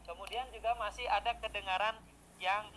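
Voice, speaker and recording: A man's voice: high-pitched, steady tone, fairly quick, noisy background. A middle-aged man, a teacher-training lecturer, giving informal feedback in a chatty way with frequent tag words and small hesitations.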